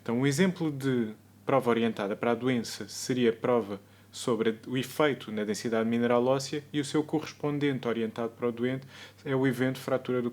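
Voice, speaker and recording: A man with a European Portuguese accent giving a recorded medical school video lecture, explaining at a measured pace and sometimes correcting himself mid-sentence. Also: medium pitch.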